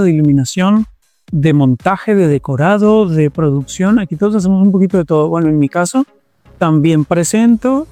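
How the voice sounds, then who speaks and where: A man with a Colombian accent, an interviewee who works as a TV presenter and producer, talks conversationally and repeats phrases for emphasis. His voice is fairly high-pitched with a dark tone, in a dry recording.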